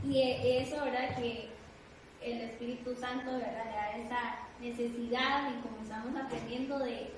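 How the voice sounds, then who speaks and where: A woman from a church class, sharing her own experience hesitantly and haltingly, with frequent tag questions. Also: a little high, steady tone. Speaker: class participant. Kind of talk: testimony in a class discussion. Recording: echoey room, distant mic, noise.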